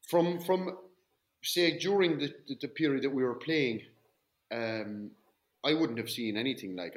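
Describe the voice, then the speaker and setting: A man hosting a casual chat, full of lively, slangy banter and the odd swear. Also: mid-range voice.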